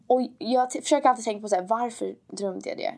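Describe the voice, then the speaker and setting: With a slightly high yet dark-toned voice, this young woman from Sweden co-hosts a podcast. She chats casually, mixes Swedish and English, and laughs often.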